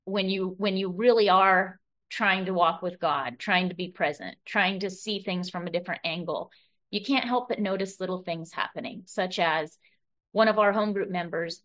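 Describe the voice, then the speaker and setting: A woman's voice: lowish voice, moderate pace, fairly bright tone. A middle-aged woman sharing her story at a recovery meeting in a room full of people. She talks conversationally, restarts often and keeps checking in with the room. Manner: conversational storytelling, rhetorical tags, many restarts. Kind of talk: personal share at a meeting.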